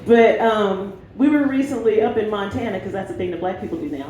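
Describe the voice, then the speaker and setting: A woman's voice: medium pitch, a little fast, mellow, muffled recording, slight background noise. Woman in her 40s doing brash stand-up. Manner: brash, conversational, teasing the crowd. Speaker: stand-up comedian. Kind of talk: stand-up comedy set. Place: comedy club stage. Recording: roomy club with crowd laughter. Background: audience laughing.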